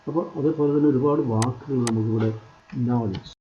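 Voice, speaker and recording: A man walks the listener through a screen-share English lesson. He keeps repeating himself as he points out items on the screen. His voice sounds very dark and mellow. The recording is dull and lo-fi, with a faint hiss underneath. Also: medium pitch, brisk. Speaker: English teacher.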